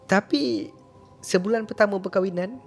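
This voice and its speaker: A man's voice: high-pitched, moderate pace, breathy edge, faint music behind. A man, telling a story in a casual podcast chat and acting out the dialogue. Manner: animated, acts out quoted dialogue.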